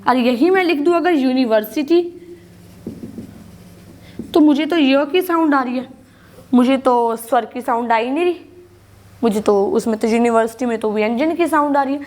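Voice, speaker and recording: Indian woman, English teacher, high voice, patient, mixes Hindi with English, answers her own questions. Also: moderate pace, pauses often, a little mellow. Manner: explains patiently, repeats key words, asks and answers her own questions. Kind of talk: classroom grammar lesson in Hindi and English.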